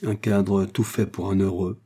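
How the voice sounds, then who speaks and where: A man narrating a classic adventure novel in a steady, measured reading. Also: sits low, breathy edge. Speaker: audiobook narrator. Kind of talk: scripted narration.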